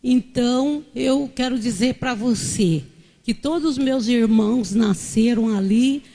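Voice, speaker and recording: A woman in her sixties, a pastor from southern Brazil, telling her life story slowly in an interview. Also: a little high, dark tone. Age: 60s.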